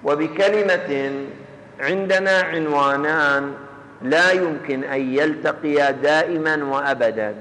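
A man delivering a Quranic exegesis lecture, measured and explanatory, restating his points. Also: medium pitch, a bit bright. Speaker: religious lecturer. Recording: echoey hall with faint ambience.

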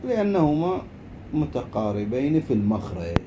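A man giving an informal grammar lesson, stretching out key words slowly and then rushing through quick asides. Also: medium pitch, very animated, warm tone, a little hiss or hum. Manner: slow and emphatic on rule words, quick asides. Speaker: Arabic grammar teacher.

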